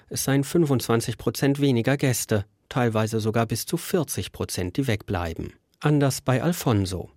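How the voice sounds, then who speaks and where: A male reporter narrates a scripted news report, close to the mic in a dry booth. His mid-range voice keeps a steady, matter-of-fact pace. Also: mid-range voice, dry recording.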